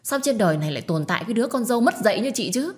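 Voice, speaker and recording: A whining, spiteful young sister-in-law who wails and accuses at the top of her voice, as a woman storyteller puts her on. Shrill and pushy, she pours fuel on every quarrel. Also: normal speed, close to an everyday voice. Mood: accusing. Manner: whiny, accusing, loudly crying.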